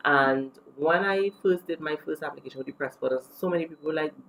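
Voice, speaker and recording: A woman's voice: deep voice, fast talker, gravelly, a bit bright, slight background noise, low-quality recording. A woman from Trinidad and Tobago with a Trinidadian accent, chatting candidly in a casual get-to-know-me beauty vlog. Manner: chatty and candid, with many fillers. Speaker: beauty vlogger.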